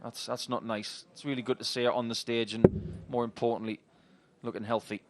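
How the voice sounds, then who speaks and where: A man's voice: medium pitch, level tone, a little fast, heavy background noise. A man giving chatty live commentary on a darts match. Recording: loud crowd behind commentary. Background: darts crowd.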